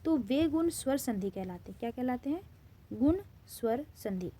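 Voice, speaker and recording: A woman's voice: sits high, animated, moderate pace, dark tone, husky. Woman teacher quizzing and answering herself. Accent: Indian. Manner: asks a question then answers it herself, repeats key terms. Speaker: Hindi grammar teacher. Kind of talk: classroom lesson, asking and answering quiz questions.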